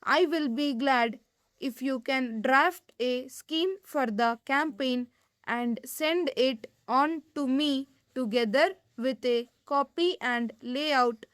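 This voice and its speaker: A woman with a high voice reads dictation aloud at a slow, measured pace. She sets out each phrase deliberately and pauses between groups of words. The sound is dry and close, with very little room. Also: a bit bright, clear, resonant tone, no room sound. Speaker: dictation reader for shorthand practice.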